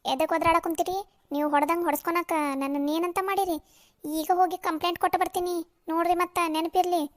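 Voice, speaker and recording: A young cartoon daughter-in-law, voiced by a woman argues back indignantly in a North Karnataka Kannada accent. Her voice is very high and piercing. The sound is dry and close to the mic. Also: steady tone, fairly quick, no echo. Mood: defiant. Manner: indignant, argumentative. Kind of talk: cartoon voice acting.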